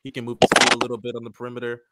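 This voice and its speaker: A man's voice: mid-range voice, completely flat delivery, rapid-fire, very noisy. A man hosting a casual podcast stream, talking in slangy frat-guy banter full of bros. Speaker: podcast host. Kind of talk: casual chat on a sports and anime stream.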